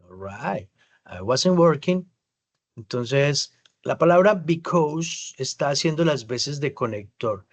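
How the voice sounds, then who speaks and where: A man teaching an English class over a video call, explaining patiently and slowly modeling English words. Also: medium pitch, expressive, slightly rough. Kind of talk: online class feedback.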